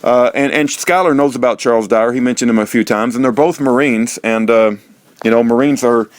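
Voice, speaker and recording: Medium in pitch and a little fast, this middle-aged American man's voice comes through a dry recording. He hosts informally and works as a prisoner-support activist, speaking to viewers in a rambling, folksy monologue that sounds almost like preaching, with recurring phrases.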